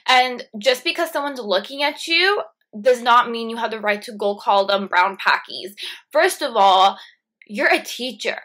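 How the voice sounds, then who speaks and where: A woman's voice: on the high side, bright, forceful tone. A young woman ranting indignantly to camera in a casual vlog, full of "like" fillers. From Canada. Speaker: vlogger.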